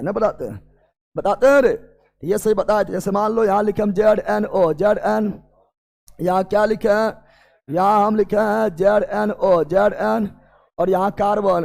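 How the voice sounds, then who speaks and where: Loud, gravelly high-pitched male teacher. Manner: loud drilling questions, often shouting and sing-song. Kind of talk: classroom chemistry lesson with call-and-response.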